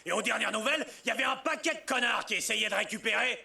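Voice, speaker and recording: A man voicing an irritated, sarcastic biker survivor in a post-apocalyptic video game, with a gruff way of talking. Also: sits high, fast talker, bright, forceful tone, exaggerated voice. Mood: bitter sarcasm.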